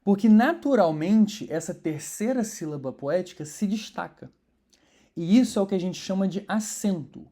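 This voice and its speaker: Woman teaching poetry, dark tone. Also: medium pitch, expressive, moderate pace. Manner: conversational, explanatory, stresses syllables while scanning verses. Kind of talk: online course lesson.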